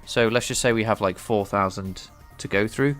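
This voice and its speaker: A man with a lowish, fairly bright voice speaks at a normal pace against faint background music. Streaming his work as a game developer, he offers casual live-coding commentary on his game engine, thinking aloud, hesitating, and restarting frequently. His cold gives him a slightly stuffed-up, nasal sound.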